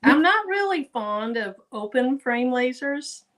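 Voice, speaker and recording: A woman working on a craft project thinks aloud in casual conversation over a video call, joining as a guest crafter via her computer microphone. Her voice sits high and fairly bright, very animated, and she talks a little slowly.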